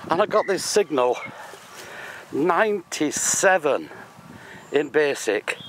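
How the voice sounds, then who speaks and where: A British man talks at an unhurried, easy pace, chuckling now and then as he comments on what he finds. He is out of doors on a windy site, with a faint hiss of wind behind his voice. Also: fairly high pitch, big pitch swings, fairly bright tone, low-quality recording. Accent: British English. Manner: chuckles often, unhurried and self-mocking. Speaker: metal detectorist vlogger. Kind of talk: casual running commentary while detecting. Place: outdoors on a windy building-site spoil heap. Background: wind noise.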